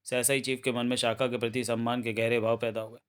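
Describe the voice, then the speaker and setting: A man narrating a comic book aloud, telling the story dramatically. His voice sits at a middle male pitch. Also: flat delivery, fast, clear, resonant tone.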